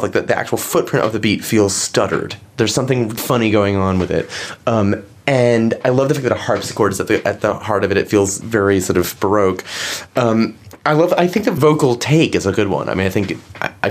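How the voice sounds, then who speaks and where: Fast-talking low-voiced male composer. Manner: eager, talks in quick bursts with many fillers. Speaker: composer guest. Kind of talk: casual interview chat.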